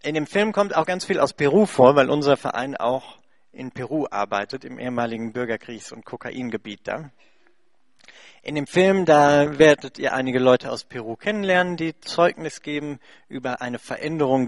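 A man's voice: medium pitch, no echo, studio quality. A German man who heads a charity, interpreting for a guest and then telling a congregation a story, chatty and full of fillers. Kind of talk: speaking to a church congregation.

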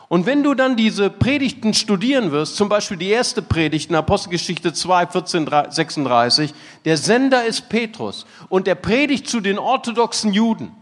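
A male preacher with a fairly high voice delivers a sermon as animated storytelling and laughs at his own anecdotes. His words ring out with a long reverb in a large conference hall.

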